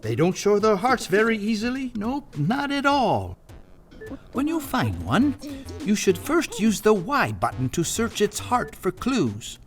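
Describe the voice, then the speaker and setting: High-voiced quirky old Professor E. Gadd. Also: male voice, wildly swooping pitch, measured pace, faint music behind, full character voice. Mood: helpful, cautioning. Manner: folksy, quirky, explanatory. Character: eccentric elderly male professor, folksy and helpful. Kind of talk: fan dub of a video game.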